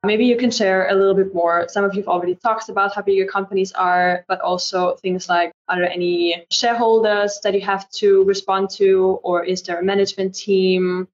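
A woman's voice: medium pitch, fairly even intonation, moderate pace, hardly any pauses. A woman moderating a panel discussion over a video call, friendly and conversational. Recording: dull lo-fi sound.

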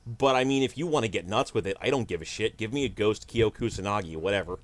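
A man's voice: lowish voice, fast, no echo. A man chatting casually on a podcast, blunt, offhand and joking. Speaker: podcast co-host. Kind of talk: casual chat.

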